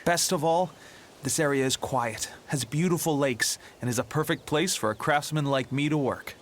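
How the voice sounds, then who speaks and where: A man voicing a humble, hopeful young craftsman in a video game, speaking in an earnest, expressive way. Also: on the high side, moderate pace, natural voice. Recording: faint background ambience.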